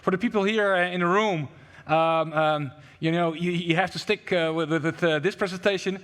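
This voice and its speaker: A man's voice: high voice, fairly even intonation, moderate pace, fairly bright tone. A male event moderator introducing speakers in a hesitant way, with many fillers. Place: conference venue. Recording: long hall reverb.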